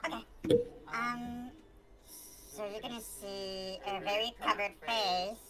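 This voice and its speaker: A woman speaks through a voice changer, unhurried and halting as she describes her character at a tabletop game. Her pitch sits in a middle range. A crowd murmurs in the background. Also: steady tone. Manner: hesitant, halting with fillers.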